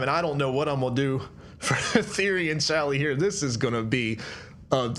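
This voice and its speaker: A man giving folksy, high-energy play-by-play commentary on a virtual drifting event from his desk. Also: a bit bright, slight background noise. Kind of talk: live sim racing commentary. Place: home desk.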